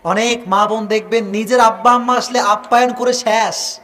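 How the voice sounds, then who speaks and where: A man preaching a lively sermon, calling questions out to the audience for them to answer aloud and mixing English phrases into his talk. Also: high voice, normal speed, background noise. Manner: mixes English phrases into Bengali. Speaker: Islamic preacher.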